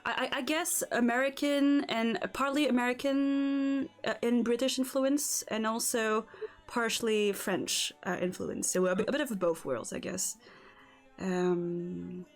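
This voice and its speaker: A woman's voice: a little high, steady tone, measured pace, soft background music. A woman from Singapore hosting an interview, chatty and encouraging. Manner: chatty and encouraging, many short backchannels. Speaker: show host. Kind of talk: interview chat.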